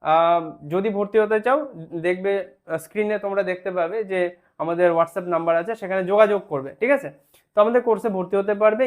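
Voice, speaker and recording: Speaking at a medium pitch with a slightly bright tone, an online English spelling teacher sounds words out syllable by syllable. The teacher is patient and often asks whether the students are following.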